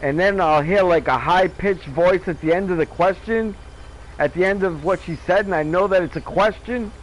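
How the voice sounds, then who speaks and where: A man in his fifties chats loosely with his viewers as he plays, his voice sitting a little high for a man. He rambles from one thought to the next, cracking jokes and laughing at himself. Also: normal speed, low-quality recording. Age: 50s. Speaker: gaming streamer. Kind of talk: casual chat with viewers while playing.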